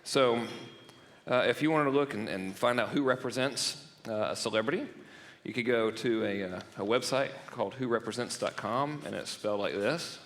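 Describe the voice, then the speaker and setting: A man's voice: mid-range voice, normal speed, a bit bright, in a large hall. A man presenting at a marketing workshop in a loose, jokey and profane way, laughing at his own gags. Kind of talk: joking seminar talk. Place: event room stage.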